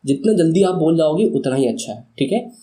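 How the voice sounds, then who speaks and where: A male teacher giving a lesson, chanting short rhymes over and over and coaxing listeners to repeat, with quick asides between slow drills. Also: fairly high pitch, expressive, warm tone. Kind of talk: classroom lesson with chanted repetition.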